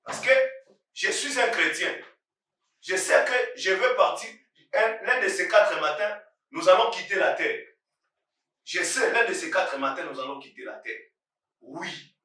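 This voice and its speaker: A man from Congo, preaching on current events with emphatic repetition that rises into shouts. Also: high voice, expressive, a little slow, pauses often. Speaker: pastor. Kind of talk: impassioned sermon on current events. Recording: very echoey room, voice far from mic.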